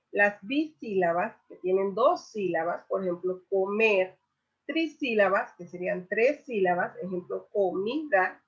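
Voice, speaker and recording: A woman teaching a Spanish grammar lesson, explaining slowly and saying each example word loudly, then repeating it. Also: medium pitch, slightly rough. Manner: stresses example words loudly and repeats them. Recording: dull lo-fi recording.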